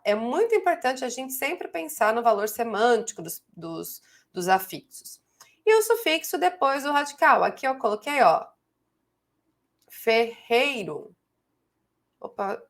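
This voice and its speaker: A woman's voice: on the high side, gravelly. A Brazilian woman teaches grammar online in a patient, explanatory way. She checks in with her students often as she walks them through each example. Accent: Brazilian Portuguese.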